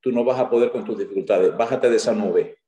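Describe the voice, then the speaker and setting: A man from Maracaibo in Venezuela with a Maracaibo accent, preaching a sermon as a guest pastor, talking fast and getting excited. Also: fairly low pitch, reverberant. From Venezuela (Zulia).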